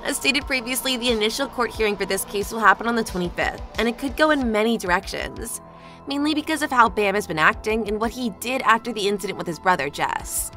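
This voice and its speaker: Woman doing scripted news voiceover, very bright crisp tone, faint music under it. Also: on the high side, quick pace. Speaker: narrator.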